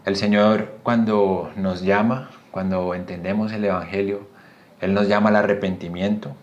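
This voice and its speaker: A man's voice: low-pitched, lo-fi sound. A man with a Colombian Spanish accent teaching a recorded Bible study, earnest and explanatory, often putting questions to the listener.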